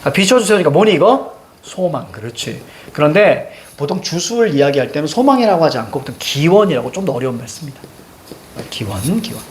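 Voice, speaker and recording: A man teaching a literature lesson in a lively, joking way, with a voice pitched a little high. His intonation leaps up and down, and he breaks into loud outbursts now and then. A faint hum of ambience sits under his voice. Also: brisk. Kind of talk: lecture to students.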